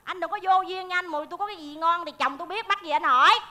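High, bright-voiced scolding woman. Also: very fast. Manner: loud, exasperated scolding. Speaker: café owner in a comedy sketch. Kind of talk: sketch comedy acting.

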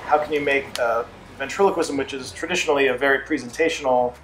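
A middle-aged man giving a reflective interview in a halting, thoughtful manner. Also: mid-range voice, background noise. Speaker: ventriloquist being interviewed. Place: small theatre dressing room. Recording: echoey room, faint music.

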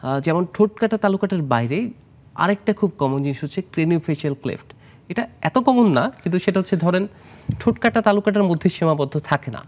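A man's voice: high-pitched, animated, normal speed. Man explaining surgery in a TV studio. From Bangladesh. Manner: explanatory, mixes English medical terms, asks host questions. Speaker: plastic surgeon guest. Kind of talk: studio health interview.

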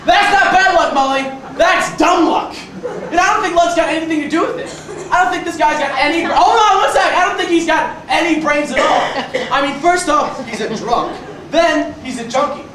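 Heard from far off in a noisy, echoey school auditorium with a crowd in the background, a young man in a variety show sketch rants as a barfly telling a meandering tall tale. Speaking at a moderate pace in a very high voice, he interrupts his own story and works himself up to shouting.

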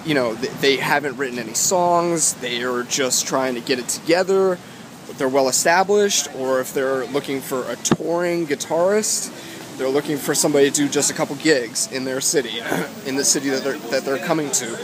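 A man, giving casual advice in a halting, emphatic way as he vlogs outdoors. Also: mid-range voice, a crowd in the background. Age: 20s. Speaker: guitar vlogger. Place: outdoors walking along a city street. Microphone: phone at arm's length, wired earbuds in. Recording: loud wind and street noise on phone mic. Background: wind, traffic, urban ambience.

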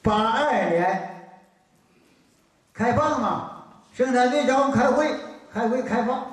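An older man from Northeast China, with an extremely high, lively voice and a slow pace, tells stories in an earthy, colloquial way in a Northeastern Mandarin accent. A folk lecturer giving a storytelling lecture, he is recorded from far off in a very echoey lecture hall.

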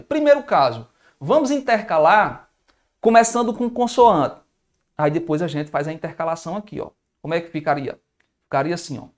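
A Brazilian man teaching a live math review, thinking aloud and answering viewer comments in an informal way. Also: fairly high pitch. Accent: Brazilian Portuguese.

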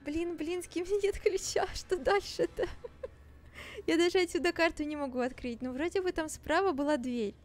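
A woman live-streaming a horror game in casual, excitable commentary, with the cute manner of an anime streamer. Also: very high-pitched, normal speed, a little hiss or hum.

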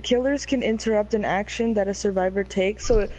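A woman's voice: medium pitch, brisk, a little mellow. A woman playing a game with friends, teasing them and explaining how the game works. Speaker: fellow player. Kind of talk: casual gameplay chat. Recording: dull mic with faint hiss.

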